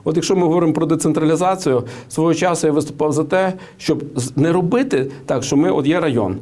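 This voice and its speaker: A man talks politics and economics in a studio interview, his voice a little high and dark-toned, moving at a quick pace. He relies on lots of fillers, restarts often and works in anecdotes.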